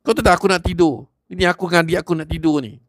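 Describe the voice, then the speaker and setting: A man voicing an angry, short-tempered young village man who shouts and scolds in a high, strained voice. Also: very fast, no room sound. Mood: threatening.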